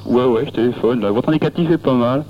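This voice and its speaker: A man calling in to a radio show, hesitant and halting. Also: mid-range voice, slight background noise. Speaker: caller. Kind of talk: phone call to a radio show. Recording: dull lo-fi radio tape.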